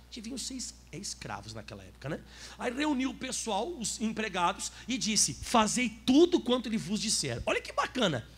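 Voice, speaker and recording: A man with a Brazilian Portuguese accent preaching a sermon as pastor, lively and asking the audience questions. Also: high voice.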